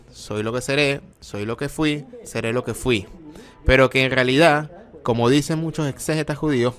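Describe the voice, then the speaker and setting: Guy lecturing, spells out old words one by one, fixes himself as he goes, mid-pitched voice. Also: fairly bright tone. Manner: didactic, spelling out terms and correcting himself mid-phrase. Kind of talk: explanatory lecture talk.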